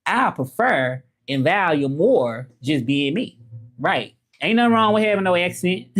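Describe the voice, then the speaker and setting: An unhurried, animated man with a fairly high, fairly bright voice and a Memphis Southern accent hosts a casual livestream. Reading comments, he talks about learning languages in a loose, rambling style, often repeating himself.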